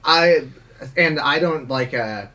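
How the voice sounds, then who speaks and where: A man's voice: on the high side, slow pace, bright, forceful tone, recorded from a distance. A man co-hosting a casual show review, thoughtful and a little hesitant. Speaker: show co-host.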